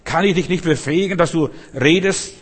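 A preacher voicing God, who speaks forcefully and firmly asks rhetorical questions, heard in a reverberant hall. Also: male voice, fairly high pitch, a little fast, slightly rough, pitched above the performer's own voice. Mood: commanding. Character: God, a commanding, reassuring divine voice.

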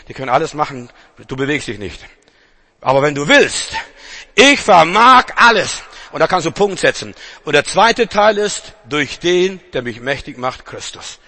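A middle-aged man preaching with a bright, ringing voice that sits a little high for a man. He hammers his points home through repetition, alternating loud declarations with hushed, urgent asides. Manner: emphatic, repetitive, swings between loud proclamation and quiet intensity. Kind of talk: sermon.

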